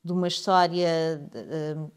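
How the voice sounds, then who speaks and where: A woman's voice: low voice, little pitch movement, moderate pace, clean tone. A woman hosting a podcast, leading a casual interview with prompting questions and frequent check-ins. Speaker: podcast host.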